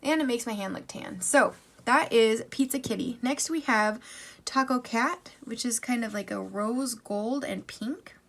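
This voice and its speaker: Casting: female beauty vlogger, bubbly makeup-tutorial chat, slightly high voice with noticeable vocal fry. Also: a little slow. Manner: gushing, bubbly, chatty asides. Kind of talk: chatty makeup tutorial, swatching eyeshadow.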